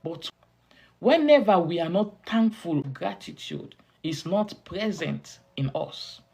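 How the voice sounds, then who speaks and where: A woman's voice: fairly low pitch, expressive, slow pace, creaky, warm tone, husky. A woman teaching in a sermon style, stressing points by repeating key phrases and stretching words in a preaching rhythm. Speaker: women's ministry teacher.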